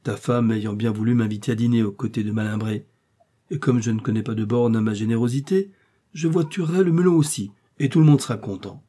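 A man voicing a witty, ironic gentleman friend who teases in a light, mocking way. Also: mid-range voice, fairly even intonation, fairly quick, breathy edge, natural voice. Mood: teasing. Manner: teasing, ironic.

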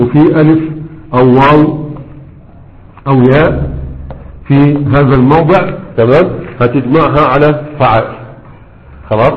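Egyptian man teaching, lo-fi sound. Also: on the high side. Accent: Egyptian Arabic. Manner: repeats patterns and checks understanding often. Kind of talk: grammar lesson explaining to students.

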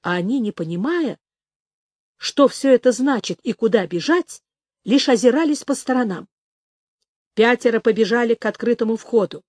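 Woman, audiobook narration, measured expressive reading, fairly high pitch, dry recording. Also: no room sound. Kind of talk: scripted narration.

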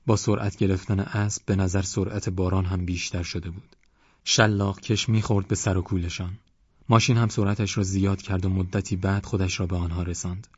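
A male audiobook narrator with a low, husky voice reads in a steady, even storytelling manner. The recording is dry and close, with a dull, lo-fi sound. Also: no echo.

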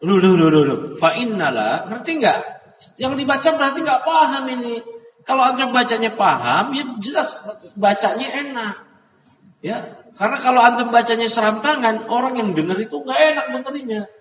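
A high-voiced man leads a classroom grammar lesson. He translates line by line, drills his students and corrects their reading, peppering his talk with "ya" and "nah". His voice is caught from far off in a roomy hall, dull with a faint hiss. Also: lively intonation, moderate pace, fairly bright tone. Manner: frequent "ya" and "nah" fillers. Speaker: religious teacher. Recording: dull echoey hall recording from afar.

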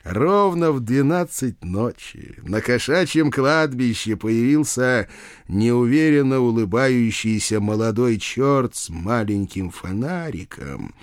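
Man, audiobook narrator, first-person story, wry, lively pitch, dry close recording. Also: dry recording. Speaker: audiobook reader.

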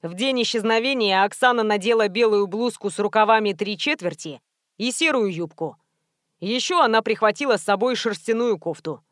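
A woman's voice: mid-range voice, expressive, moderate pace, no echo, clean studio sound, lightly acted. Woman reading as a matter-of-fact male investigator. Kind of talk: audiobook character voice.

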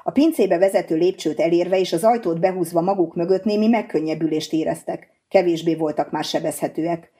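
Woman audiobook narrator, measured reading, dark mellow tone, husky. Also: fairly low pitch.

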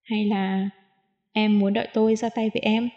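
A woman reads the part of a playful young man who teases and coaxes in a mellow, low-key tone. The sound is a bit dull and lo-fi, like an audiobook. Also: little pitch movement, normal speed, lightly acted. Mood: teasing. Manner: teasing, coaxing.

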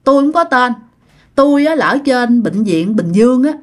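A woman's voice: on the high side, lively intonation, moderate pace, close to an everyday voice. A woman with a Southern Vietnamese accent voicing the male spirit of an unborn child, talking in a plaintive, repetitive, resentful way.

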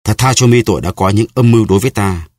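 A man's voice: fairly low pitch, fast, darkish tone, dry recording, clean studio sound, pitched above the performer's own voice, close to an everyday voice. A man voicing a stern, solemn baron. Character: stern aristocratic baron seeking vengeance.

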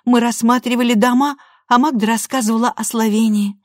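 Woman voicing a teenage girl, high-pitched, defiant, pleading, dry close sound. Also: fairly even intonation, a little fast, dry recording, close to an everyday voice. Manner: pleading, insistent. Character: eager, defiant teenage girl wanting to be grown up. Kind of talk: audiobook character voice.

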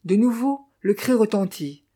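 A reader voicing a weary middle-aged male drifter who calmly tells what he saw, in an audiobook. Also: medium pitch. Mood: recounting. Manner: calm, measured storytelling in the first person. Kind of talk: audiobook reading of a character.

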